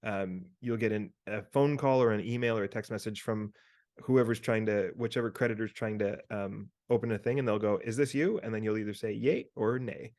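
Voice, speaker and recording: A man's voice: on the low side, fairly quick. Guy on a zoom podcast, easygoing, lots of ums, telling a story. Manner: relaxed storytelling with many fillers, advising listeners. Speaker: podcast co-host. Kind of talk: casual chat over a video call. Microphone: video call.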